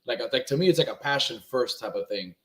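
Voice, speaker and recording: A man's voice: medium pitch, expressive, quick pace, a bit bright. A young man from Miami whose first language is Spanish, talking casually as a guest with lots of fillers and restarts. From Miami, Florida. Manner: laid-back, rambling, many fillers and restarts. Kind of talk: casual interview talk.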